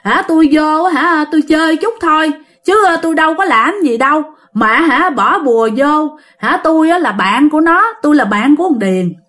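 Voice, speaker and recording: A woman's voice: high voice, animated, normal speed, fairly bright tone, pitched above the performer's own voice. A woman with a Southern Vietnamese accent voicing the pleading ghost of a drowned village boy, rambling and begging with many fillers.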